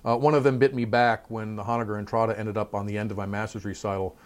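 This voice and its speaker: In a laid-back interview, a middle-aged man recounts his path as a trumpeter and college professor, reflective and talkative with plenty of tangents. His voice is lowish and he talks fast.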